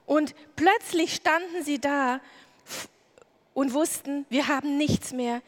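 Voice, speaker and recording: A woman preaching a sermon, retelling a Bible story vividly and acting out the characters' lines. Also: sits high. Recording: long hall reverb.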